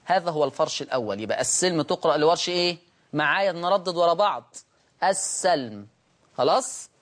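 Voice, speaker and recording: Man, Egyptian accent, recitation teacher, slow repetition, questions then answers. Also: on the high side, a bit bright. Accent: Egyptian Arabic. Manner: repeats words slowly, asks and answers his own questions. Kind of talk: teaching lesson on Warsh recitation.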